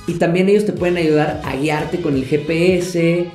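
A young man shares road trip advice in a relaxed, friendly way from his couch. His voice is warm and mellow. The room has some echo, with soft music behind him. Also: a little high, normal speed. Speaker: travel vlogger. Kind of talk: casual advice to camera. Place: living room, indoors.

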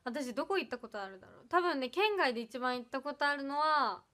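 A young woman with an Ehime Iyo accent tinged with Kansai chats on a casual livestream from her home. Her voice sits high, and she giggles a lot as she reads out viewer comments. Many of her lines fade off into a soft murmur. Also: expressive, fairly quick. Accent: Iyo dialect of Ehime mixed with Kansai. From Ehime, Japan. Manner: bubbly, giggly, often trails off softly. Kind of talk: casual birthday livestream chat.

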